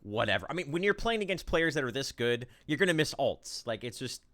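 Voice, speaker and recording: A male esports caster calling a tournament draft live. He rambles through picks with many "uh"s and bursts of excitement, in an everyday mid-pitched voice. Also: fairly quick. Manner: rambling, excitable play-by-play with fillers.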